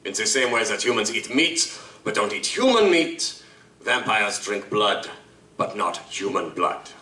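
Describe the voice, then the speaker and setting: Recorded from a distance on a roomy live stage at a convention, an actor plays a suave, courtly vampire liaison who speaks in formal, ornate phrases. His voice sits on the low side and is very animated, unhurried, pushed and bright, with a heavily acted delivery.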